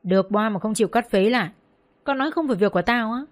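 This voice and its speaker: A woman's voice: on the high side, fast, close to an everyday voice. A woman voicing a spiteful, jealous hostess who sneers and taunts in an audiobook story. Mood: sneering.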